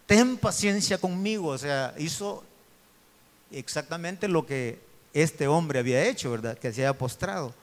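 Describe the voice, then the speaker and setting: A man preaching an evangelical sermon in a church hall, with a fairly high voice. His sound rings with long reverb around the room. He alternates slow, drawn-out shouted phrases with rapid asides to the congregation. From El Salvador.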